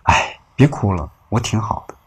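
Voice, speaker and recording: Downcast broke young man, voiced by a male narrator: husky, low, hesitant. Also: big pitch swings, moderate pace, full character voice. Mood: low-key.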